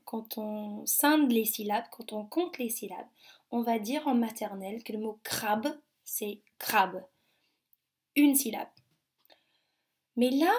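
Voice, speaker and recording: A woman teaching young children a remote phonics lesson, sounding out each syllable slowly and carefully. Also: a little high, a little mellow.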